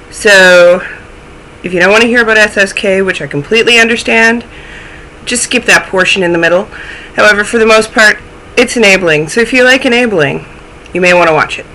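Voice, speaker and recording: Hosting a knitting podcast in a small room at home, a young woman chats casually to a webcam in a stuffy, snuffly voice, making self-deprecating asides. Her voice sits at a medium pitch and sounds pushed and bright. The recording is rough, with a little hiss or hum.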